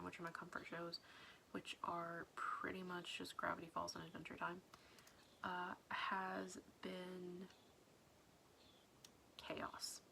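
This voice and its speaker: A woman's voice: on the low side, gravelly, sharp tone, slight background noise. A woman vlogging casually, rambling through questions in a chatty way with many half-whispered asides. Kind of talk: casual video diary chat.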